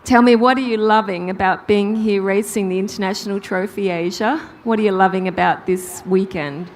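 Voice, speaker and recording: A woman's voice: mid-range voice, fairly even intonation, a little fast. A woman doing chatty, upbeat live interviews out on a race track grid. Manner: chatty, upbeat, talks over the crowd. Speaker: grid reporter.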